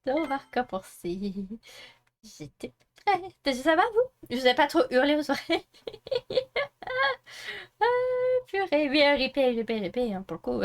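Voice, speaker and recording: A young French woman streaming a video game, chatting to her viewers with excitable, panicky repetitions and lots of laughter. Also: a little high. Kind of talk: live gameplay commentary.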